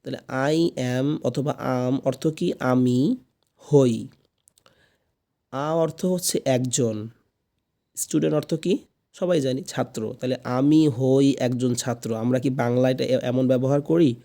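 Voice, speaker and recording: A man teaching a spoken English lesson, patiently repeating phrases slowly for learners. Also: mid-range voice, creaky, warm tone.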